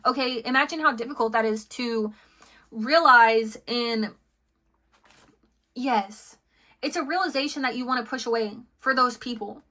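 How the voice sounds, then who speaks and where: A woman's voice: on the high side, unhurried, long pauses, sharp tone. A woman giving an intuitive tarot reading to her viewers, chatty and full of "okay" and "like" fillers. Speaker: tarot card reader.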